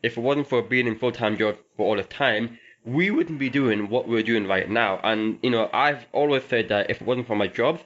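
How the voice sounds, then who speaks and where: Guy hosting a podcast, chatty interview style, normal mid pitch. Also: moderate pace, few pauses, fairly bright tone, muffled recording. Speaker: podcast host.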